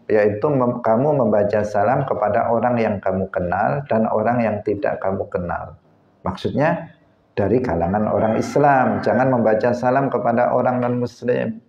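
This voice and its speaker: A man teaching a religious lesson in an unhurried way, with frequent "eh" fillers, acting out greetings as he explains them. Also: medium pitch. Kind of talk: hadith study lesson. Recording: echoey, dull lo-fi recording.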